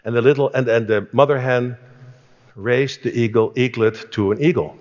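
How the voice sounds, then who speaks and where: A chief executive giving an enthusiastic conference keynote, telling a story with frequent restarts. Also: male voice, mid-range voice, fairly even intonation, normal speed, darkish tone. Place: conference stage. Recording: reverberant hall, dull sound.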